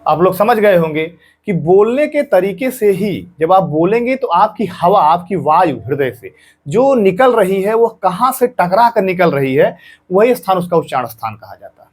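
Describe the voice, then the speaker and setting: A man's voice: high-pitched, very animated, moderate pace, husky. A male teacher giving an exam-prep grammar lesson, patiently saying each sound aloud and repeating points for students.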